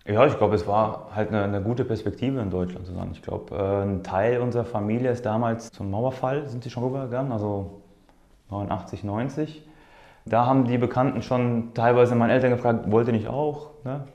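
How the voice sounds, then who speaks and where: A professional footballer, a man who is a native Polish speaker born in Poland and raised in Germany's Ruhr area, answers interview questions casually, often searching for words and repeating himself. His voice is medium-pitched, steady, a little fast, and a little mellow. The sound is roomy and echoing.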